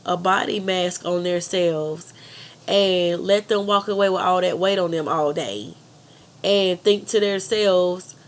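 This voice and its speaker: A woman's voice: fairly low pitch, unhurried. A woman with a country accent and a congested, pinched-nose nasal sound from being sick, earnestly giving an informal persuasive presentation. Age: adult.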